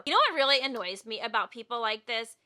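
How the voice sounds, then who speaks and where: A woman's voice: fairly high pitch, fast, very noisy. A young woman hosting a reaction video, ranting in an exasperated, casual way.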